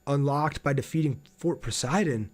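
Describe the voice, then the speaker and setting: This game streamer has a mid-range, darkish voice and talks at a moderate pace. He plays live, musing aloud and replying to his chat in a relaxed, casual way.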